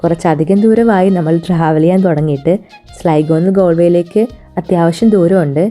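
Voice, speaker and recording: A woman's voice: on the low side, brisk, mellow. A woman with a Malayali accent narrating a casual travel vlog, dropping English words into her Malayalam. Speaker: travel vlogger. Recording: music under the voice. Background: music.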